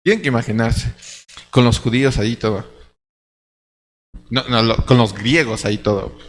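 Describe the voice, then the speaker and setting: A man preaching a sermon, reading scripture aloud and breaking into lively acted-out asides. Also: medium pitch. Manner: animated preaching, reads scripture aloud, acts out quick asides. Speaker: pastor. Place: church. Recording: church hall with long reverb and faint hum.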